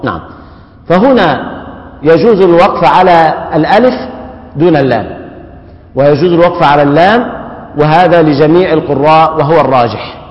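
Egyptian male teacher, slightly high voice, patient repeating lecture style, dull lo-fi hall recording. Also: lively intonation. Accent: Egyptian Arabic. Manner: explains slowly, repeats terms, checks in with "yes". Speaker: Quran recitation teacher. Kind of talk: classroom lecture on recitation rules. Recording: echoey hall, dull lo-fi sound.

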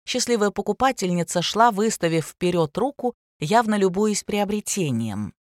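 A woman narrating an audiobook in a steady, expressive storytelling manner. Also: medium pitch, normal speed, dry recording, clean studio sound. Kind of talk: scripted narration.

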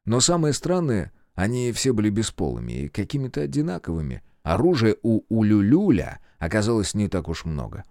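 A man narrating a first-person story in an animated storytelling manner. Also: lowish voice, a little fast, hardly any pauses, dry recording, clean studio sound. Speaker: audiobook narrator.

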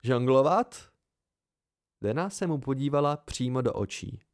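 A man's voice: medium pitch, animated, vocal fry, darkish tone, no room sound, studio quality. A man narrating a first-person story in an amateur audiobook reading.

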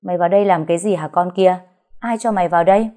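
A woman's voice: on the low side, fairly quick, mellow, close to an everyday voice. A woman voicing a spiteful, scheming pregnant stepmother who hurls sneering abuse. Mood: sneering, abusive.

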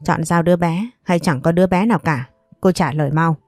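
A woman's voice: on the low side, brisk, a little mellow, no room sound, clean studio sound, soft background music. A woman voicing a cruel, domineering older mother-in-law who speaks harshly in a storybook reading. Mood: threatening. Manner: harsh, bossy.

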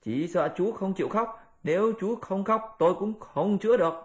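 A man doing a shrill cheeky monkey king. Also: normal speed, lightly acted. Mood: bossy teasing. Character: boastful mischievous male monkey king. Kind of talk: audiobook character voice.

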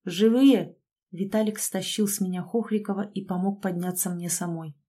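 A woman reads a first-person audiobook with a dark, mellow tone. Her telling is brisk and wry, and she slips into the characters' lines as she goes. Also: on the low side, steady tone. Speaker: audiobook narrator.

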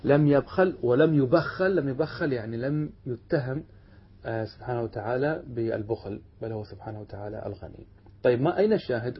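Brief: male lecturer, husky and fast, dull lo-fi recording, quizzes the class and answers himself. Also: mid-range voice. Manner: asks students questions and answers them himself; reads quoted passages slowly and deliberately. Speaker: teacher of Arabic rhetoric. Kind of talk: classroom lesson explaining a text.

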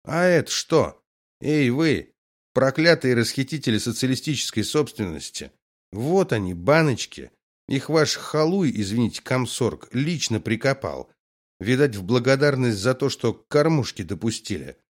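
A man's voice: medium pitch, sing-song, moderate pace, pitched above the performer's own voice. A man voicing an angry worker who mockingly accuses his bosses of theft. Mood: accusing. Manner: shouting, mocking.

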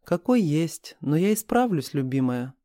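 A stubborn, devoted young husband who keeps calm, as a man reading the story plays him. The voice is mellow and fairly high, close and dry. He keeps his lines low-key and even. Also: unhurried, no echo.

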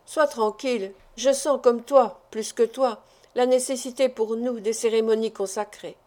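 A woman voices a timid, loving young fiancée in an audiobook. She pleads with hesitation and embarrassment, in a mellow, fairly high voice. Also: fairly even intonation, a little slow, close to an everyday voice. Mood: pleading. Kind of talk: audiobook dialogue reading.

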